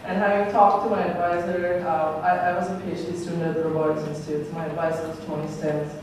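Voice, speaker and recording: A robotics researcher from Sri Lanka gives an earnest conference talk in a lecture hall, speaking fast in a lowish, level voice full of ums and uhs. The recording picks her up from far off in the echoey hall, with background noise.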